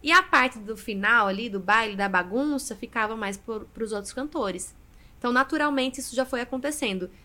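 Expressive woman telling her story. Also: fairly high pitch, fairly quick. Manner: expressive storyteller, often adds "né". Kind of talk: casual podcast interview storytelling.

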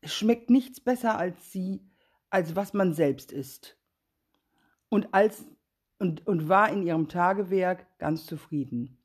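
A woman reading a fairy tale aloud in a calm, even storytelling manner. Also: lowish voice, slow, husky.

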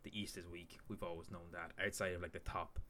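Man, very low voice, casual sports podcast talk, rambling with lots of fillers, faint hiss behind. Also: flat delivery, brisk, pushed and bright. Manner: rambling, filler-heavy analysis. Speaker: podcast co-host.

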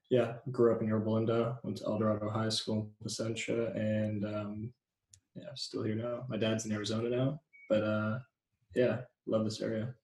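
A man from New Zealand, raised in California, talking as a guest in a relaxed, understated way, recorded in an echoey room. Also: lowish voice. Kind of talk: casual chat.

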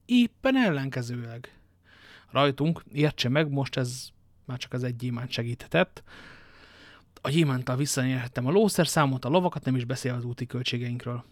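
A man's voice: medium pitch, no room sound, close to an everyday voice. A man reading an audiobook and voicing Athos, a worldly, ironic musketeer, with a languid manner of telling his tale. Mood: wry.

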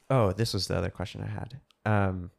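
A man with a very low voice and a gravelly, creaky edge, talking casually as a podcast co-host. He muses through his points and turns them into questions for the group. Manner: thinks aloud, poses questions to others. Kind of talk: casual book discussion.

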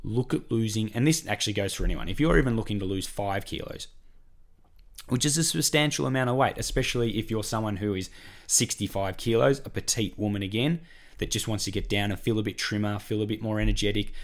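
A weight-loss coach from Australia talks alone on his podcast, quick and lowish, his throat hoarse and croaky from coughing. The tone is encouraging and chatty, and he repeats himself a lot.

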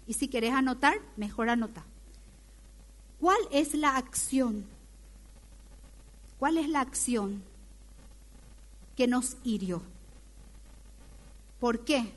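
A woman preaching a sermon in a lively way, often asking her audience questions. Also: sits high.

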